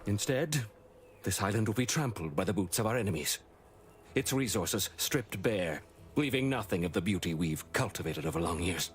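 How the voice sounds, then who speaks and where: A man's voice: lowish voice, animated, moderate pace, close to an everyday voice. An actor playing a pompous, defeated male commander in a video game, lamenting in formal, florid language and blaming himself. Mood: grandiose despair. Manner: formal, florid, grandiloquent, theatrically self-blaming. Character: pompous, defeated male commander mourning his doomed island. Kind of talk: scripted video game dialogue.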